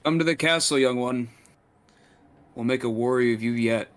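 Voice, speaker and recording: A man who is a player, speaking calmly in character at a tabletop game. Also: mid-range voice, normal speed.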